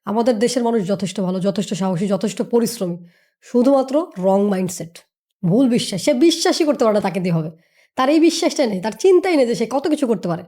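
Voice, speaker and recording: A woman's voice: a little high, animated, fast talker, warm tone. A woman giving motivational business advice on a podcast. She lectures emphatically, repeating points and firing rhetorical questions. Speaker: business mentor.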